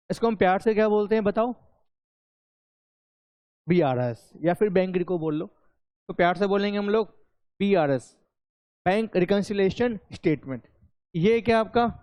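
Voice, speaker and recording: A man's voice: sits high, unhurried, pauses often, a little mellow, dry recording, highs cut off. A man with an Indian accent teaching an online accountancy class, chatty and coaxing his students to reply.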